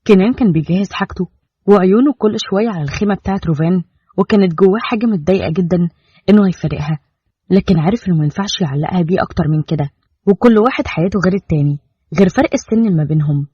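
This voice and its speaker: Egyptian arabic guy reading a story super fast, lo-fi muffled sound. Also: sits high, dark tone, slightly rough, dry recording. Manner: rapid, flowing storytelling. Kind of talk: scripted story narration. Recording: dull lo-fi dry recording.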